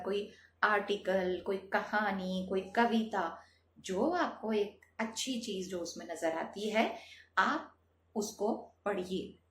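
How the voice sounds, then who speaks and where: A woman's voice: medium pitch, roomy sound, slight background noise. A woman teaching a Hindi lesson to students, calling them children and asking rhetorical questions.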